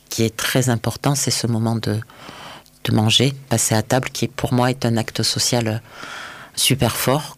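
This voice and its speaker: Male chef from France, interview guest; reflective, halting, filler-heavy delivery; mid-range voice. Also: mid-range voice. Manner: hesitant, thoughtful, many fillers. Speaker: restaurant chef. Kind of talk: interview answers.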